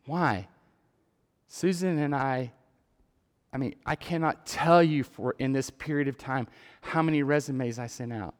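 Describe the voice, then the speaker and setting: A man with a Texan accent giving an earnest sermon-style testimony, repeating words and building to loud emphatic peaks. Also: mid-range voice, a little slow. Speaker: lay preacher. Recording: long hall reverb.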